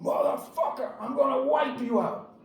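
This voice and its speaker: A man's voice: sits high, a little slow, darkish tone, roomy sound. A man voicing an enormous, furious male thug driver who screams threats. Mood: raging.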